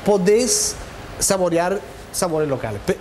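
A man's voice: high voice, animated, a little slow, a little mellow. A middle-aged man with an Argentine accent, a chatty cooking and travel host presenting casually with frequent interjections. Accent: Argentine Spanish. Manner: chatty, interjecting, repeats others' words. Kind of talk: casual presenting, switching between Spanish and Italian. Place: hotel and large professional kitchen. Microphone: lapel. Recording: clearly noisy location sound.

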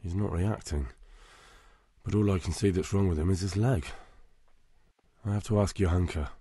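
A man's voice: low-pitched, normal speed, mellow, a little hiss or hum. A male actor voicing an earnest young medieval commoner in a video game, plain and direct. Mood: concerned. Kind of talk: video game dialogue acting.

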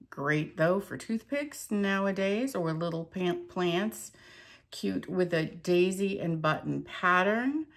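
With a lowish, creaky voice and a little hiss or hum in the audio, a middle-aged woman shows off her thrift store finds. She's an antique reseller doing a casual show-and-tell vlog of her haul. She's chatty but hesitant, using plenty of fillers.

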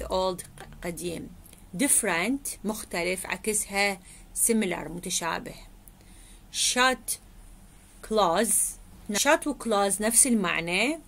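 A woman English teacher with an Iraqi Arabic accent, working through exam answers. She reads English definitions slowly and then explains them in Arabic. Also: medium pitch, fairly bright tone.

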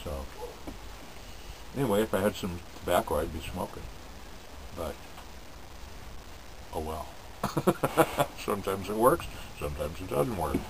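Very deep-voiced man talking around a pipe. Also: measured pace, pauses often, noisy background. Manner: relaxed, musing, chuckles between thoughts. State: talking with a pipe clenched in his mouth. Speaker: pipe-smoking vlogger. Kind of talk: casual rambling monologue to camera.

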